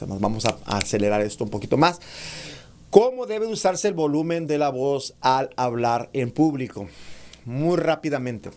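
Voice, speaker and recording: A man giving an online class on public speaking to preachers, calling them brothers, reading comments and demonstrating raised and lowered voice. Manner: addresses listeners as brothers, reads out chat comments; demonstrates shouting and lowering his voice. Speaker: preaching instructor.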